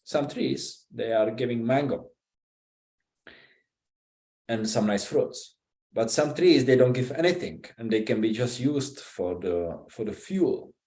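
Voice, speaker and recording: A man from the Republic, giving an informal scripture talk in a halting, conversational way, often checking in with "right?". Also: medium pitch, expressive, warm tone. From Czech Republic. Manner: conversational, halting, with frequent 'right?' and 'you know?'. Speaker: visiting speaker giving a scripture class. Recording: roomy echo.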